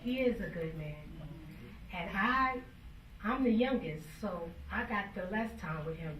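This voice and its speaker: Woman, youngest daughter, funeral tribute, holding back tears, bright voice, distant, roomy. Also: medium pitch, animated, measured pace, a little hiss or hum. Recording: roomy, from far off.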